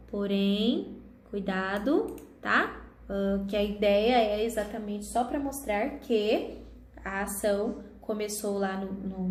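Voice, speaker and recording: Brazilian woman, online English teacher, patient step-by-step explainer, slightly high voice, echoey room recording. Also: a little mellow. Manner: patient, talks students through each step with many "tá?" checks. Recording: echoey room with faint background noise.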